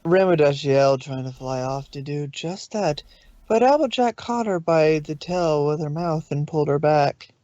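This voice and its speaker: Reading fan fiction aloud in a casual way, a narrator with a mellow, expressive mid-range voice keeps a normal speed and occasionally trips over words. There's no echo, though the recording is slightly dull and lo-fi.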